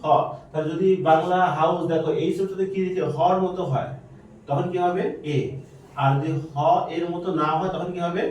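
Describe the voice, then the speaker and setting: A man's voice: high-pitched, steady tone, moderate pace, recorded from a distance, slight background noise. A male teacher, quizzing his students with repeated questions during a grammar lesson. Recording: very echoey room, voice from afar.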